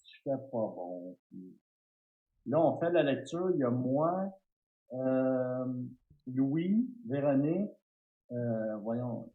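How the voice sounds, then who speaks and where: A middle-aged man with a Québécois French accent, a guest telling stories in an interview, animated and stumbling over restarts. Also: mid-range voice, takes it slowly, narrow, tinny audio. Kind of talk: storytelling interview.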